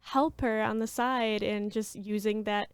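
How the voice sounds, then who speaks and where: A woman co-hosting a casual theatre review talk, her voice smooth and resonant at a middle pitch. She speaks fluently and decisively. The recording is dry, with little room sound. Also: steady tone, measured pace, no room sound. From United States.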